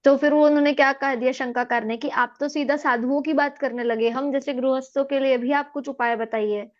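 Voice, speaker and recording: A woman's voice: high voice, steady tone, fairly quick. A woman teaching a scripture class, patiently explaining and checking in with her students. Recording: dull lo-fi audio.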